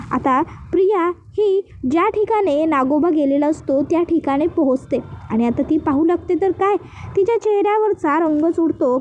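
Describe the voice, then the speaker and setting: A woman with a very high voice narrates a television serial recap as a story. She slips into each character's lines herself as she goes. A faint noise sits under the recording. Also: darkish tone, lo-fi sound. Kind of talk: storytelling recap with acted quotes.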